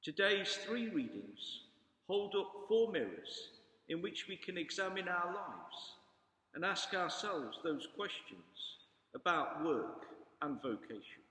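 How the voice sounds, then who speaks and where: A man's voice: high-pitched, sing-song, sharp tone. Solemn male preacher in an echoing hall. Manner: solemn, measured, formal delivery. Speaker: priest preaching a homily. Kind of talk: Gospel reading and homily, solemn pulpit sermon. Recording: echoey hall with long reverb.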